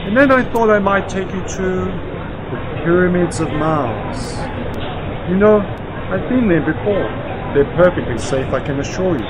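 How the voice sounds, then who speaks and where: A man's voice: high voice, lively intonation, a little slow, very noisy. A man playing a clever, kindly time-travelling uncle in a radio drama, explaining things in a theatrical, teasing, self-assured way. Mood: breezy, teasing. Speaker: lead actor in a radio play.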